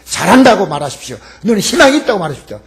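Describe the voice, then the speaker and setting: A man's voice: high-pitched, sing-song, racing, creaky, fairly bright tone. A man preaching a Sunday sermon as pastor in a church, emphatic and calling on the congregation to repeat after him. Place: church sanctuary.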